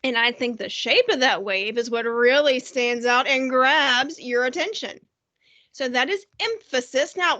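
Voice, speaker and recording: A woman's voice: high voice, a bit bright, muffled recording. A woman art teacher giving a recorded online lesson, upbeat and speaking directly to young students with questions. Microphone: computer mic, screen-shared lesson.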